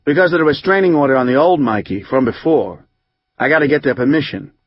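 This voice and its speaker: A man reading an audiobook, voicing a rough, hot-tempered recovering drinker who rambles in profane street slang. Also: mid-range voice, fast, highs cut off, a little hiss or hum, lightly acted. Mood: aggrieved. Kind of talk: audiobook narration.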